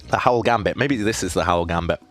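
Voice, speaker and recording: A man's voice: deep voice, brisk, fairly bright tone, soft background music. A man streaming chess live in casual commentary, chatty and self-deprecating, reading out viewers' questions.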